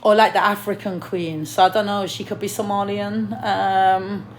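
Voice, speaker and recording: A woman's voice: mid-range voice, flat delivery, normal speed, a little hiss or hum. A woman chatting casually on a livestream at home in a flamboyant, profane way, often calling people darling. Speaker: artist and vlogger.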